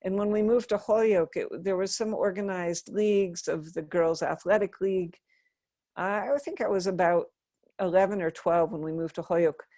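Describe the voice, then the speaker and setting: A woman's voice: on the low side, steady tone, moderate pace, warm tone, dry recording, clean studio sound. A middle-aged woman from Western Massachusetts, chatting and laughing as she tells stories in an interview. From Western Massachusetts, USA. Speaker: interview guest. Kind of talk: casual storytelling.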